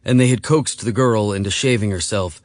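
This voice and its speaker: A man narrating an audiobook in a measured, steady reading voice. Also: on the low side, no room sound, clean studio sound. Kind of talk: scripted narration.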